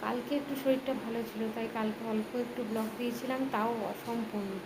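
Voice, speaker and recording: A tired woman chats slowly and softly while she cooks in her home kitchen. Her voice sits a little high. Loud noise runs under the whole recording. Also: steady tone. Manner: speaks slowly and quietly. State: tired and unwell. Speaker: vlogger. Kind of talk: casual cooking vlog talk.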